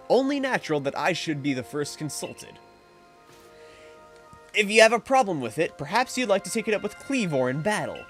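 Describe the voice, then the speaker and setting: A man voicing an arrogant young male clan warden, in a drawling hippie-like voice full of haughty condescension. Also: a little high.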